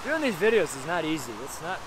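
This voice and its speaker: With traffic roaring along a busy road, a middle-aged man preaches an outdoor sermon, his voice on the high side with big swings in pitch. Filmed by a camera facing him at medium distance, he reads scripture slowly and deliberately, presses his points again and again, and keeps checking with "right?"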